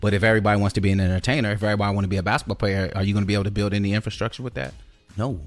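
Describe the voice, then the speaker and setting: Talking very fast in a low, steady voice, a male podcast host discusses spiritual and cultural ideas conversationally, with emphasis and repetition of key phrases for effect, while faint music plays behind him.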